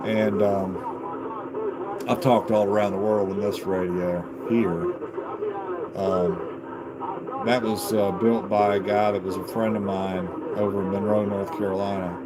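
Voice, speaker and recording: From his basement radio room, a man who is a CB radio hobbyist hosts a live video, chatting in a rambling, folksy way. His voice is fairly low with little pitch movement, and he talks at a measured pace with long pauses; the home stream is very noisy.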